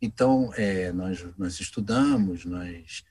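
A man, a voice actor telling anecdotes in a casual interview, animated and acting out the voices of the people in his stories. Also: low-pitched, takes it slowly, husky. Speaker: voice actor guest.

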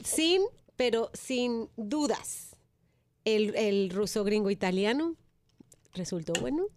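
A woman co-hosting a morning radio show, teasing and quick to laugh as she chats. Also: medium pitch, expressive, a little mellow, no room sound. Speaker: radio co-host.

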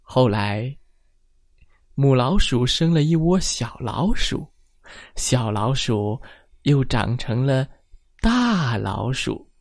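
A woman telling a bedtime story to children in a gentle, sing-song manner. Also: extremely low pitch, sing-song, slow pace, long pauses, no room sound, studio quality.

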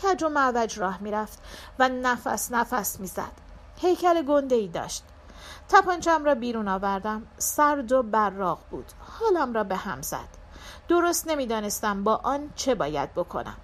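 A woman reading a literary short story aloud as an audiobook narrator, in a measured, dramatic first-person style. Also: fairly high pitch, sing-song, fairly bright tone.

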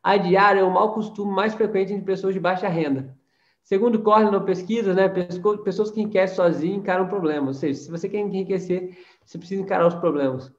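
A man with a Brazilian Portuguese accent gives an energetic, preachy network marketing training talk and keeps adding tag questions. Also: sits high, fairly quick. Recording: roomy, dull lo-fi sound.

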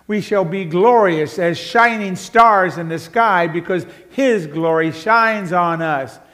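A man preaching a sermon in a church, slow and measured, building to loud emphatic passages and then sinking to soft, hushed ones. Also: high voice. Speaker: pastor. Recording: long church hall reverb.

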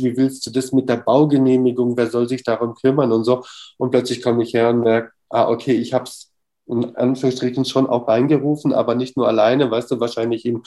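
A middle-aged man telling a personal story in an interview, lively and full of fillers, acting out the dialogue as he goes. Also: mid-range voice. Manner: animated, acts out dialogue, many fillers. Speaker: interview guest. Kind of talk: casual storytelling.

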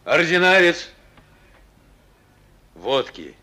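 A man's voice: a little high, very animated, drawn-out words, pushed and bright, heavily acted. An actor in his forties playing a tired, commanding frontline army captain in a radio drama. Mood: stern. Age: 40s. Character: weary, stern frontline army captain, forty.

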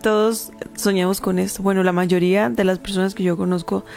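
Measured woman co-host. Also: medium pitch, flat delivery, vocal fry, darkish tone, soft background music. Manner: measured, reflective, laughs easily.

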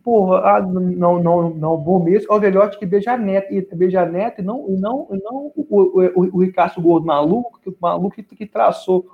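A man's voice: sits high, brisk, gravelly, hardly any pauses. A man co-hosting a podcast in casual political chat, rambling with many restarts and repeated words. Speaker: podcast co-host. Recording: dull lo-fi sound.

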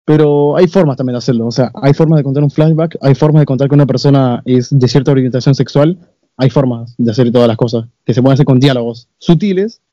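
A young man chatting about a film in a measured, analytical way. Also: medium pitch, dark tone, no room sound. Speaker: co-host reviewing a film. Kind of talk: casual film review chat. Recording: dull, dry, lo-fi sound.

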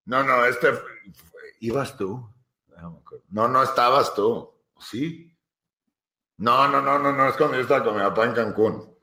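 A young man telling a story in a casual chat, animated and slangy, slipping into English phrases. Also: mid-range voice, moderate pace. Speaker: podcast co-host. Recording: roomy echo.

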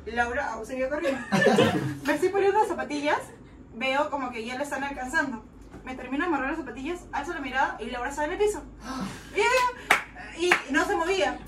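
A young woman with a high, bright voice tells a story in a loose, animated way, laughing and acting out the voices. She sits back from the mic in a roomy space with steady noise behind her. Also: distant mic. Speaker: podcast co-host. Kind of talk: casual storytelling chat.

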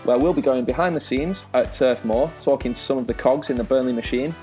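A man's voice: mid-range voice, brisk, a little mellow, faint music behind. Guy hosting a mock football show, dry teasing presenter voice. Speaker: host.

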